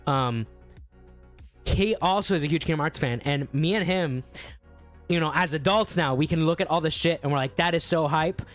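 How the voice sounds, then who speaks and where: A young man chatting casually as a guest, excitable, swearing freely and laughing often. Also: a little high, moderate pace, soft background music. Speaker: guest musician and streamer. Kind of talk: casual podcast chat.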